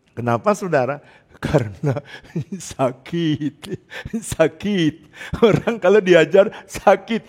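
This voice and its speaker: A middle-aged male pastor preaching a sermon, animated and playful, laughing often and dropping into English phrases. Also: mid-range voice. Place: church hall. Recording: long church-hall reverb.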